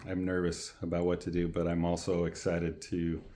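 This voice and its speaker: A man's voice: deep voice, monotone, normal speed, dark tone. A man talking casually in a personal vlog, telling anecdotes and thinking aloud with some hesitation. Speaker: vlogger, first-time ice bath participant.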